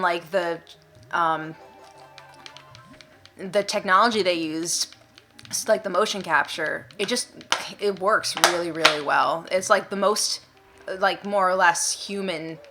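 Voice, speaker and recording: A young woman chatting casually as co-host, with a bright, forceful tone and a slightly low pitch. She rambles, stacking fillers and restarting her sentences as she goes. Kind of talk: casual chat. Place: indoors, eating popcorn.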